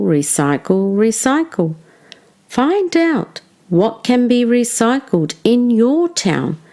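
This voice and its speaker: Her voice sits in the mid range as she reads a children's storybook aloud like a teacher. She delivers the words deliberately and expressively so young listeners can follow.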